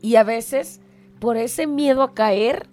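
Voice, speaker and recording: A woman's voice: on the high side, takes it slowly, a little mellow, faint music behind. A woman hosting a show and telling a moral reflection story in an earnest, dramatic way. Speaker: radio host.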